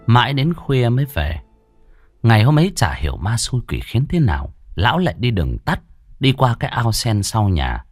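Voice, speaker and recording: Dramatic ghost story guy, swoops all over in pitch, low raspy voice. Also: no echo, clean studio sound. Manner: dramatic, ominous delivery.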